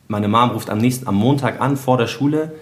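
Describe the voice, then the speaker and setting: A man's voice: medium pitch, fairly quick. A young man, telling a personal story earnestly on a podcast. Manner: emotional, earnest, mixes in English phrases. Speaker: podcast co-host. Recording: echoey room.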